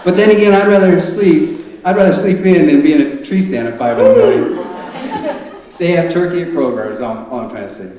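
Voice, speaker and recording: Middle aged dad doing a father of the bride speech, kinda high voice, joking, really echoey room. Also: wildly swooping pitch, dark tone. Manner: folksy, conversational, joking delivery with halting asides. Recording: very echoey room, distant mic, noisy.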